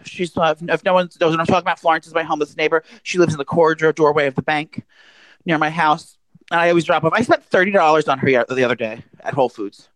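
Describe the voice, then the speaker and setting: A woman's voice: deep voice, fast, dry recording, poor audio. A woman hosting a podcast from her apartment, chatting casually in a rambling way full of fillers and a bit out of breath. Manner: rambling, filler-heavy storytelling. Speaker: podcast host. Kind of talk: casual chat.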